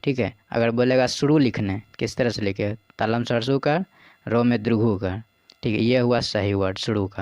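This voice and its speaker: A man's voice: mid-range voice, a little mellow, smooth, no echo, dull audio. A man patiently explaining practice exam questions as a teacher. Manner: patient, repeats "ठीक है" and "देखिए".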